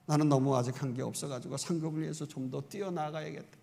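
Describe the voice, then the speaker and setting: Man, middle-aged pastor, Sunday sermon, emphatic and fervent, rhetorical questions, somewhat high voice, long church reverb. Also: steady tone, fast talker, vocal fry. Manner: fervent, emphatic preaching with sudden loud exclamations; conversational asides and rhetorical questions to the congregation. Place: church sanctuary.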